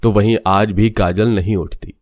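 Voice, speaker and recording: Low-voiced male cartoon narrator. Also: steady tone, normal speed, darkish tone. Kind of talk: scripted storybook narration.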